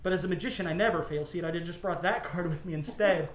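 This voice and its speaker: A man in his thirties, a magic shop owner, talking casually about his shop and doing card-trick patter with playful, deadpan jokes. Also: sits high, fast, crowd noise. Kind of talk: casual demonstration and interview. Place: inside a small shop, indoors. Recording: echoey shop room with faint background noise.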